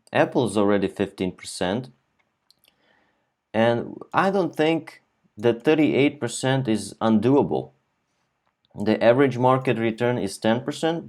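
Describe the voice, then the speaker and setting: Low-voiced young man talking through his investment plan. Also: darkish tone. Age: 20s. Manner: thinking aloud with frequent fillers and restarts. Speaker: finance channel host. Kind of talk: casual explainer over a screen share.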